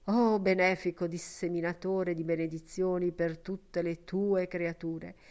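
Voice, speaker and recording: A woman reading the part of a sentimental, lovestruck gentleman who speaks in an ornate, emotional old-fashioned way. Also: medium pitch, lightly acted.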